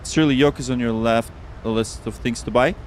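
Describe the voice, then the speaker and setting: A man's voice: mid-range voice, steady tone, a little fast, a little hiss or hum. A man hosting a casual flight simulator livestream, talking informally and often repeating his words. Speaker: livestream host.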